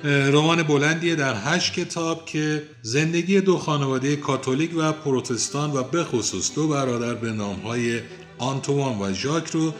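A man reads a novel aloud in an even, deliberate manner, his voice bright and forceful. Soft music plays faintly beneath him in this audiobook program. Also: mid-range voice. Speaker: host and reader. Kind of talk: scripted reading of a novel.

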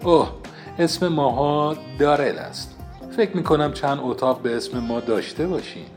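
A man reading aloud and voicing a gentle mother who speaks softly and soothingly. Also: on the high side, expressive, over music, close to an everyday voice. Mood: sweetly polite. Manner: soft, soothing.

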